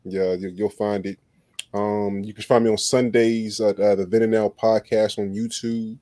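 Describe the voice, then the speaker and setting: A man's voice: fairly low pitch, level tone, moderate pace, warm tone, no echo, clean studio sound. A man on a panel, chatting casually and frankly with slangy phrasing. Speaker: panelist and podcaster. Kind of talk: casual group chat.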